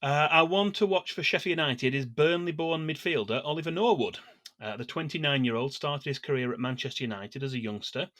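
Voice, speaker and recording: A man co-hosting a football fan podcast, calmly reading prepared notes on past matches with small hesitations and fillers. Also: mid-range voice, dry recording, studio quality. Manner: measured, steady delivery of scripted match history with small hesitations. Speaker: podcast co-host.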